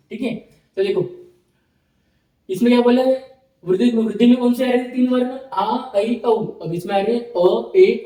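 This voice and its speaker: High-pitched male teacher, roomy echo. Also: mellow. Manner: explains step by step, repeats terms, checks in with "ठीक है". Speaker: Sanskrit teacher. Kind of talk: online lecture.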